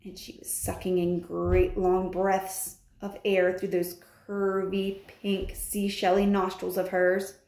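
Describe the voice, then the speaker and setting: A woman's voice: mid-range voice, completely flat delivery, takes it slowly, hardly any pauses, a little mellow. A woman reading a children's novel aloud, adding chatty asides, recorded in an echoey room.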